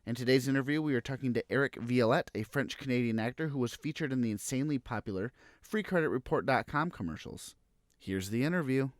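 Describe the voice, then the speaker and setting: A man's voice: medium pitch, quick pace, no echo, clean studio sound. Easygoing male podcast host. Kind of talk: casual interview hosting.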